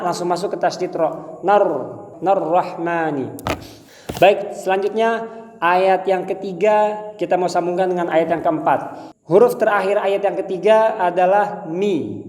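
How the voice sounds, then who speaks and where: A high-pitched male teacher with an Indonesian accent leads a recitation lesson in a slightly mellow voice, over-enunciating and carefully shaping every syllable as he explains and demonstrates. The recording is echoey, with a long, hall-like reverb tail.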